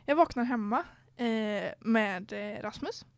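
A woman's voice: a little high, lively intonation, dry recording. A young woman hosting a podcast, chatting casually and telling a story while acting out what people said. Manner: storytelling, acts out quoted dialogue. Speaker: podcast host. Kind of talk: casual chat.

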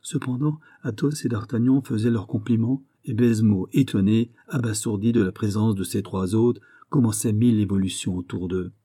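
Dark, husky male audiobook narrator. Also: on the low side, fairly even intonation, normal speed, few pauses. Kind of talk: scripted narration of a classic novel.

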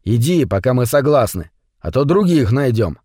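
A man's voice: mid-range voice, sing-song, moderate pace, warm tone, no room sound, clean studio sound. A man voicing a sly young boy who coaxes a friend. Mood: coaxing.

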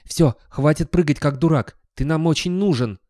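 Old talking dog done by a man, grumpy, wheezy, sarcastic, raised pitch. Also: normal speed, mellow, no echo, clean studio sound, lightly acted. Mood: bossy.

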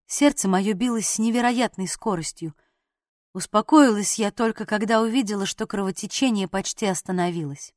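A woman narrating a novel in the first person, reading in a clear, expressive way. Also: mid-range voice, normal speed, no room sound, studio quality. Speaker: audiobook narrator.

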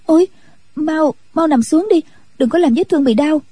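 A woman voicing a timid, gentle young nun who pleads anxiously in an audiobook. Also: dry recording, lightly acted. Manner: higher, pleading, rushed voice.

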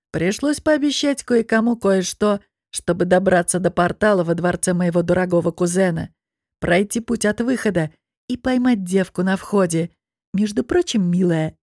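A woman voicing an arrogant male higher demon who talks with cool scorn. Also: no room sound, clean studio sound, close to an everyday voice. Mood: scornful. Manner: calm, mocking, unhurried.

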